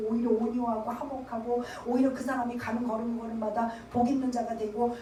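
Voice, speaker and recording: A high-voiced woman pastor preaches in a conversational way, putting questions to the congregation and acting out her own pleas in prayer. She is picked up from a distance in a reverberant church, with faint room ambience behind her. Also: warm tone, slight background noise. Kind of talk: sermon. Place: church sanctuary. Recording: echoey church, from far off.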